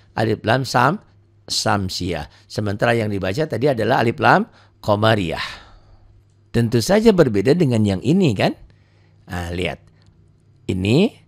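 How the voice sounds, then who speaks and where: A man teaching Quran reading to beginners, posing questions and answering them himself, and drawing out each recited word slowly. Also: lowish voice, vocal fry, dry recording, clean studio sound. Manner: asks and answers his own questions, stretches out recited words. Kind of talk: beginner tajwid lesson.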